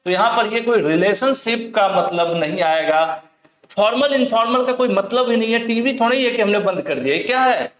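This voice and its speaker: A male teacher with a high voice works through exam questions, asking each question out loud and then answering it himself. He repeats his points and reads the English questions aloud. The room around him is roomy and echoey. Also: expressive, fairly quick. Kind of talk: exam question bank lesson.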